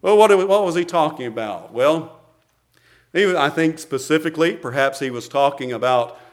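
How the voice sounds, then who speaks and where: Preacher, male, high-pitched, earnest pulpit delivery, frequent restarts and soft chuckles. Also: expressive, moderate pace. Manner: earnest, repeats words and restarts often, chuckles between points. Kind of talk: sermon. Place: church, speaking from the pulpit.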